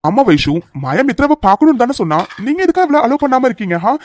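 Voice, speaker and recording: A woman's voice: on the high side, big pitch swings, quick pace, music in the background, voice pushed down. A woman voicing a stern young husband in a cartoon serial, who asks firm, reproachful questions.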